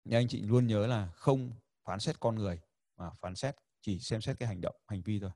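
A man's voice: on the low side, fairly quick, dark tone, no echo, clean studio sound. A man teaching a livestreamed lesson, chatty and demonstrative, acting out example lines and laughing often. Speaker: communication skills teacher. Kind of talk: livestreamed lesson addressing viewers.

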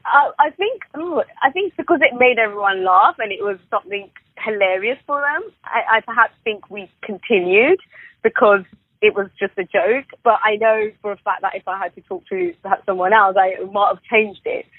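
A woman from the UK, talking reflectively in a casual conversation, often pausing and restarting. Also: mid-range voice, no room sound. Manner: reflective, halting, many restarts. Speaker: guest. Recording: phone-line quality, dry.

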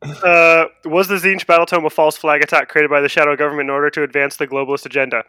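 Bright-voiced joking man hosting a podcast. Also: on the high side, little pitch movement, fast, clear, resonant tone, no echo. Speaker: podcast host. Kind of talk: casual banter, reading listener questions.

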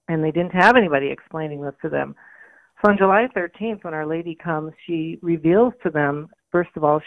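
A woman radio guest with a low, gritty, gravelly voice, hoarse, explaining religious matters conversationally. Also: no room sound. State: hoarse from a mild allergy. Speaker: interview guest, communications director. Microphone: phone call. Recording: tinny phone line, radio interview.

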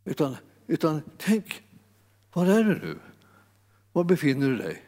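En manlig predikant med ganska ljus röst, som talar trevande, tar om ord och ibland brister ut i höga utrop, i en stor sal med lång efterklang. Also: male voice, fairly high pitch, big pitch swings, darkish tone. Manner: halting, repeats words, rises to exclamations. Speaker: preacher. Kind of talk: sermon. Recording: long hall reverb.

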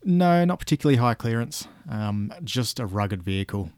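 A man's voice: medium pitch, animated, normal speed, a little mellow, no room sound, studio quality. A man with a broad Australian accent chatting casually and colloquially, giving laid-back travel advice. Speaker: guest recounting an outback road trip.

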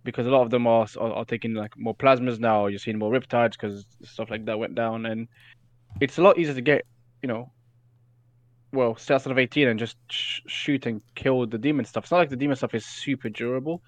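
A man's voice: mid-range voice, steady tone, a little fast, no room sound. Hesitant male podcast guest, dry sound. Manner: hesitant, many fillers and restarts, analytical. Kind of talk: casual gaming podcast chat.

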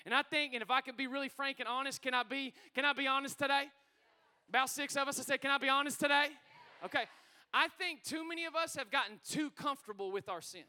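Guy pastor preaching, high bright voice, pumped up, keeps asking the church to answer. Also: fast. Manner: energetic, calls out to the congregation. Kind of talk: sermon. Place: church hall.

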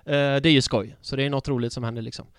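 A young man hosting a casual fan podcast, playful and excitable, often joking about himself. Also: mid-range voice, smooth, no echo, clean studio sound. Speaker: podcast host. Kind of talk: casual chat.

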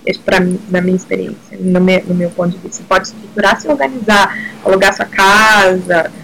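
A woman's voice: medium pitch, steady tone, fairly quick, gravelly, a bit bright, a little hiss or hum, rough recording. A middle-aged woman from Brazil, a guest in a casual interview, talking hesitantly with many restarts and mixing in English words.

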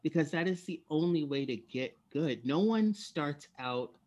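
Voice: mid-range voice, animated, a little mellow. A podcast host chatting casually and offering encouragement to a guest. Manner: encouraging, conversational, quick affirmations. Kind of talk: casual interview chat.

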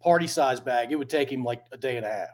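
A man's voice: medium pitch, fast. A man hosting a casual podcast interview, joking and asking short questions. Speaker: host.

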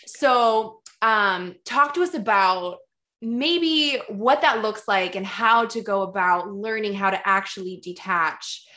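A woman's voice: medium pitch, slow, bright, forceful tone. Playful, teasing woman host. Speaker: podcast host. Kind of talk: casual interview chat.

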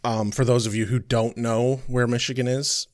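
A man's voice: mid-range voice, flat delivery, normal speed, dry recording. A young adult man co-hosting a podcast, rambling through stories with frequent laughs and easy swearing. His voice sits mid-range for a man, recorded close and dry with no room sound. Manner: laughs often, loose storytelling with profanity. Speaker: podcast co-host. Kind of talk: casual chat.

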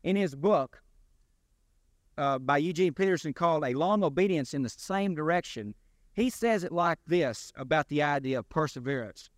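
A man preaching a sermon as pastor, in a deliberate, emphatic delivery with rising and falling stresses. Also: on the high side, expressive, no echo, studio quality.

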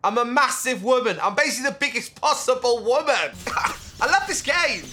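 An actor playing an excitable male gamer in a comedy clip, talking with childlike wonder. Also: extremely high pitch, a little fast, slight background noise, heavily acted. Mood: giddy.

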